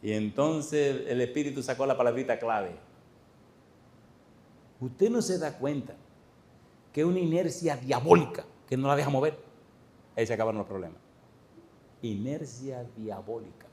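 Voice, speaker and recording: A man's voice: mid-range voice, normal speed, pauses often. A middle-aged man, a pastor, preaching a sermon in a church and telling stories with questions to the congregation. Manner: lively storytelling, addressing the congregation with questions.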